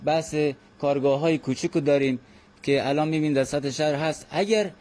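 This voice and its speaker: A man in a formal radio interview, speaking earnestly and at a measured pace. His voice sits a little high and has a mellow, soft tone. He often pauses on hesitant fillers. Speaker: guest expert.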